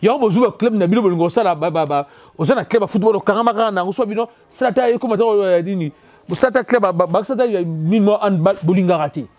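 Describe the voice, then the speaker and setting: A man's voice: high-pitched, a little mellow. A man with a Congolese French accent giving an emphatic, repetitive opinion rant on local football, slipping back and forth between languages. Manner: emphatic, repetitive, rapid code-switching. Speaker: football commentator.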